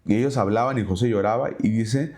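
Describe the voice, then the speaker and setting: A man's voice: lowish voice, a little fast, darkish tone. A man teaching a Bible study, reading verses aloud and then retelling them in casual everyday words. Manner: reads scripture aloud then paraphrases it conversationally.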